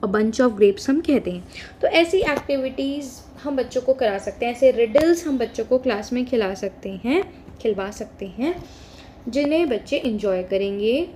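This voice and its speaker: A woman's voice: fairly high pitch, lively intonation, normal speed, dark tone, slight background noise. A woman with an Indian accent explaining a lesson plan step by step, switching between Hindi and English. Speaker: teacher trainer.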